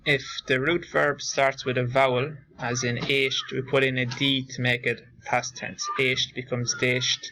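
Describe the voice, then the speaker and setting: A man teaching a class, slowly and carefully drilling verb forms. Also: mid-range voice, little pitch movement, bright, forceful tone, rough recording. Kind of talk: classroom lesson recording.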